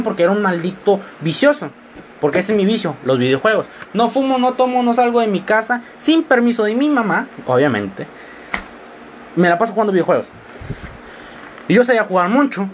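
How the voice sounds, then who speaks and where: A man's voice: high voice, a little hiss or hum. A sixteen-year-old boy with a mixed Mexican accent, telling rambling, self-mocking stories in a casual podcast monologue. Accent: Mexican, mixed regional. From northern Mexico. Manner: rambling, jokey and self-mocking, quick shifts of tone. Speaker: podcast host.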